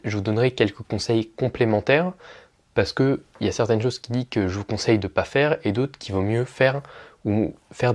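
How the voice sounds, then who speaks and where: A man's voice: lowish voice, a little mellow. A young man giving casual advice on learning English in a YouTube lesson, chatty and full of fillers and restarts. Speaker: English teacher for beginners. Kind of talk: casual YouTube tutorial monologue.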